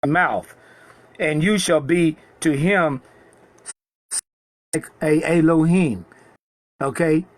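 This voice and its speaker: A man reading scripture slowly and haltingly, then retelling it in casual, conversational preaching. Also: on the high side, no room sound. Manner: reads slowly with halting repeats, then paraphrases God in casual speech. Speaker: Bible teacher. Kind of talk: scripture reading with sermon commentary.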